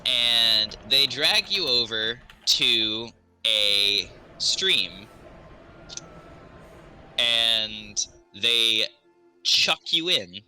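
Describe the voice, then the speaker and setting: A man runs a tabletop game as game master. His delivery is slow and halting, with a very bright, forceful voice and animated pitch. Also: rough recording. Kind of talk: improvised tabletop game narration.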